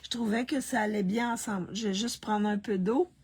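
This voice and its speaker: A woman, hosting a live card-making demonstration, talking slowly with many restarts and coughing through a frog in her throat. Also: medium pitch, darkish tone, breathy edge, dry recording. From Canada. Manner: slow, halting, with many restarts and fillers. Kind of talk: casual live craft demonstration.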